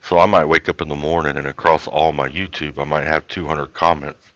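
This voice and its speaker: A man's voice: rumbling low, steady tone, brisk, a bit bright, no room sound, dull audio. A man with a South Texas accent chatting casually on a livestream in a folksy, rambling way. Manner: folksy, rambling, colloquial drawl. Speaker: YouTube host.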